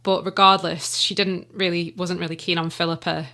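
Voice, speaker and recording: A woman with a Manx English accent, an audio drama writer appearing as a guest, chats casually in a radio interview about her audio drama, laughing often and trailing off to avoid spoilers. Her voice is on the low side, pushed and bright, with a flat delivery at normal speed.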